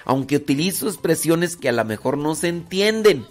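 A radio host from Mexico with a rural ranchero accent talks casually to listeners in a slightly high voice with lively intonation at a moderate pace. His rambling delivery is full of fillers and restarts.

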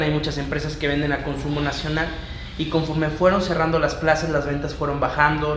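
A man's voice: on the high side, slight background noise. Earnest young Mexican man, echoey room. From León, Mexico. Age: 20s. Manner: earnest, eager storyteller. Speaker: podcast guest, young entrepreneur. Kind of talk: casual podcast storytelling. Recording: roomy echoing room.

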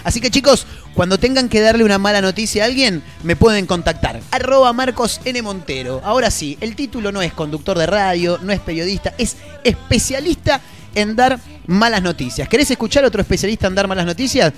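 A man's voice: high-pitched, expressive, fairly quick, soft background music. A man with a Rioplatense accent hosting a comic radio show, playful and joking as he talks to listeners. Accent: Rioplatense Spanish. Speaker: radio host. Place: radio studio.

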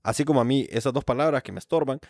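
A man's voice: medium pitch, very fast, a little mellow, no room sound. Cursing guy, dry close sound. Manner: swears often, mock-exasperated. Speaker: podcast co-host. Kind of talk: casual chat among friends.

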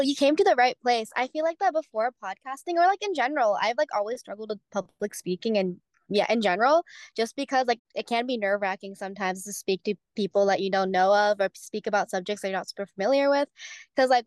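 A woman's voice: fairly high pitch, fast talker, no echo. A young woman, an outgoing podcast host, chatting casually and peppering her speech with "like.". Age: young adult. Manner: chatty, heavy use of "like" fillers. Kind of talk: casual chat.

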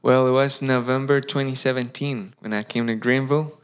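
A campus pastor from Costa Rica, a man with a Costa Rican Spanish accent, tells his story in a casual interview. His mid-range voice is clean in tone, fairly even in intonation, and a little fast, and he speaks earnestly, restarting phrases as he searches for English words.

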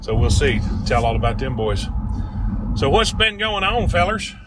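A man's voice: a little high, sing-song, normal speed. A middle-aged man with a Southern Smoky Mountains drawl, co-hosting a casual, folksy podcast. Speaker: podcast co-host. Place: inside a moving car. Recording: constant vehicle road noise.

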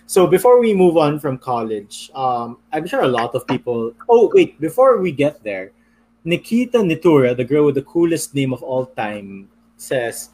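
Young Filipino male host, teasing, reads comments, husky, lively. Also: a little high, moderate pace. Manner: teasing, animated. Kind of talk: livestream chat reading comments.

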